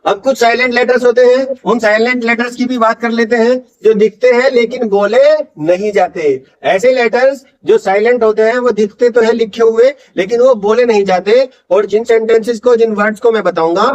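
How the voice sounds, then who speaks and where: Indian man, high voice, patient pronunciation tutor, slightly dull lo-fi audio. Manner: slow, drawn-out model words for learners to repeat; patient, explanatory teaching. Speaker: English pronunciation teacher. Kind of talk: Hindi-language pronunciation lesson.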